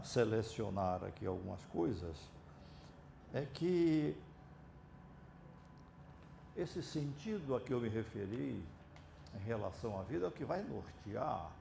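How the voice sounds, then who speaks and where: A Brazilian psychiatrist giving a reflective, digressive lecture in an auditorium, with drawn-out pauses and hesitant fillers. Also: male voice, fairly low pitch, gravelly, dark tone, slight background noise. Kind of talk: unscripted lecture.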